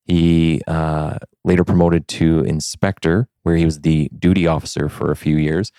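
Deep-voiced podcast host, dry sound. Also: male voice, flat delivery, normal speed, warm tone, no echo. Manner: friendly, easygoing, filler-heavy questions. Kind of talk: conversational podcast interview.

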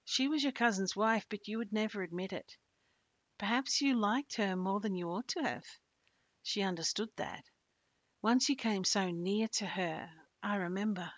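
An earnest young girl, as a woman storyteller reads her speaks in a quiet, pleading way. The sound is dull and lo-fi, close and dry. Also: medium pitch, moderate pace, no room sound, lightly acted. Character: young girl recalling a past life, earnest.

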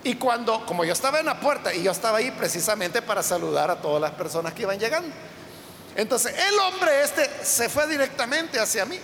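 A man's voice: very high voice, lively intonation, fairly quick, a bit bright, big-room sound, slight background noise. A male preacher giving a sermon, telling a story and asking the congregation questions.

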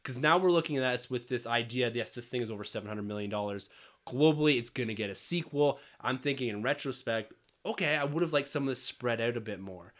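A man hosting a casual film review chat, his raspy voice hoarse from a cold and breaking into squeaks. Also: quick pace, fairly bright tone. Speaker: podcast film review host.

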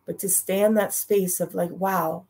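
A woman's voice: on the low side, steady tone, unhurried, darkish tone, slightly rough. A middle-aged woman telling a personal story as a guest, in a direct and heartfelt way, repeating her phrases. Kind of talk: emotional storytelling.

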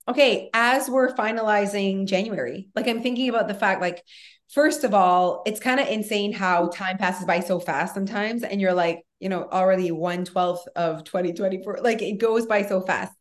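A woman's voice: medium pitch, moderate pace. A woman co-hosting a podcast in casual chat, telling stories animatedly and acting out what people said. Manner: animated storyteller, acts out quoted talk. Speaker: podcast co-host.

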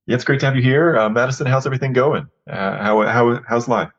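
Quick, husky-voiced male podcast host. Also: medium pitch, highs cut off. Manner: friendly, repeats words as he starts questions. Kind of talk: interview hosting.

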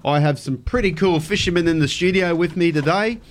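A man's voice: fairly high pitch, brisk. An Australian man hosting casual radio chat in a blokey, slangy tradesman manner. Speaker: radio fishing show host. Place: radio studio.

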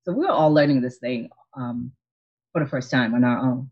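A very deep, slightly rough female voice speaks at normal speed, with the highs cut off. She is a guest on a video call, a Haitian optometrist and practice owner in her forties, telling her story in a casual interview. She sounds earnest and reflective, often restarting and laughing softly.

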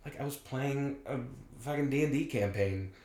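A man's voice: mid-range voice, normal speed, roomy sound, a loud crowd. A man chatting as a podcast guest, enthusiastic and rambling, full of "like"s. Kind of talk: casual chat.

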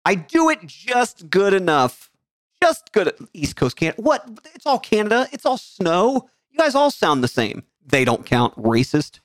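A man riffing through a podcast chat, voice sitting on the high side and swinging up and down a lot. He jokes constantly and drifts into silly put-on accents. The recording is dry and close, with no room sound. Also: wildly swooping pitch, moderate pace, a bit bright, dry recording. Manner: joking, slips into goofy accents and impressions. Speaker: podcast co-host. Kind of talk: casual banter.

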